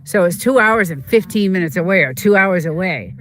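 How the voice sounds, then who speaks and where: A vlogger in casual, rambling chat, repeating words and filling pauses, and turning emotional when recalling a pet's injury. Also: medium pitch, animated, a bit bright, soft background music. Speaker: vlogger telling a personal story.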